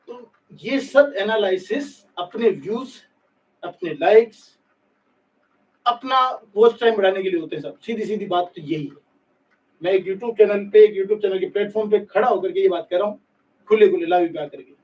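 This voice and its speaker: A man's voice: sits high, moderate pace, darkish tone, distant mic, highs cut off. A man teaching a live online class for nursing exams, speaking bluntly and scolding his students. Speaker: nursing exam coaching teacher. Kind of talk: live-stream lecture, candid rant.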